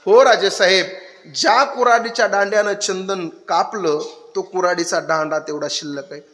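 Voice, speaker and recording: A man's voice: high-pitched, fairly even intonation, moderate pace. A man putting on the voice of a humble poor blacksmith answering a king. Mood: meek. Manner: meek, plain answers. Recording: echoey hall with loud crowd noise.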